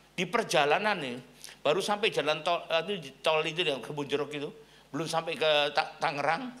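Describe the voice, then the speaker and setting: Middle-aged man, pastor, lively high-pitched sermon delivery, asks the congregation questions. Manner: animated storytelling preacher, asks the congregation questions.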